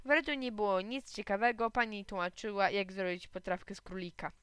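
A woman reads a children's story aloud with lively expression. Her voice is bright and crisp, and the recording is close and dry. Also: medium pitch, fairly quick, no room sound. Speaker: reader.

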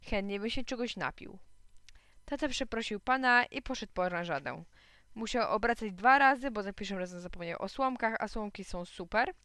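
A woman narrating a children's storybook with a lively, playful touch. Her voice is smooth and clear at a middle pitch. The recording is close and dry. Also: fairly quick, no echo. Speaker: audiobook narrator.

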